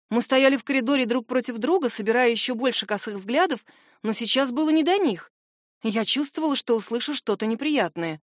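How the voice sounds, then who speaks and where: A woman reading a first-person fantasy novel aloud, expressive and lively in dialogue. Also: fairly high pitch, dry recording, clean studio sound. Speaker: audiobook narrator.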